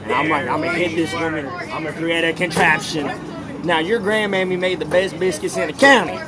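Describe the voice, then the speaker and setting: A man's voice: on the high side, fairly quick, natural voice. A man playing a boastful, rambling old grandpa inventor who keeps calling everyone son and whippersnapper, in an improvised comic bit. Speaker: performer of a comic sketch. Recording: noisy crowd chatter outdoors.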